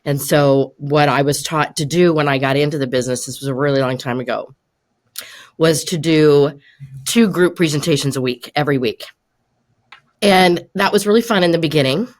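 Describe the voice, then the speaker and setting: A woman's voice: deep voice, moderate pace. Encouraging older woman coach. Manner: encouraging, laughs often mid-sentence. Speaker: podcast host and coach. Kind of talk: conversational coaching chat.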